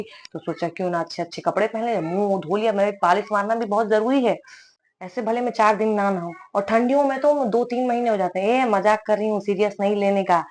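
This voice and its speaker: A woman's voice: mid-range voice, a little mellow. Young woman vlogger, chatty voice-over, keeps joking about herself, playful and teasing. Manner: playful, self-mocking, jokey asides.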